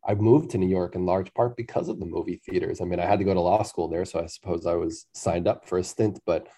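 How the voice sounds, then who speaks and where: Low, mellow-voiced man, thoughtful guest. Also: quick pace. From Massachusetts, USA. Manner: thoughtful, reflective, laughs easily. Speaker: author guest. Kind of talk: phone interview. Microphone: phone line.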